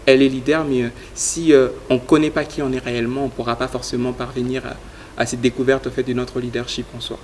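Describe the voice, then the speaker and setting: Slight background noise accompanies a young adult man from Congo answering interview questions in a studio about his youth leadership project. His pitch is medium and his pace quick; he sounds earnest, keeps a flat tone, and uses lots of fillers.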